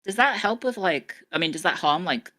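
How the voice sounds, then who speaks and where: A woman's voice: on the low side, animated, moderate pace, pushed and bright. A woman with a mixed, slightly English accent, chatting on a stream in a dry, wry way. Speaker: guest streamer. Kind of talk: casual stream chat.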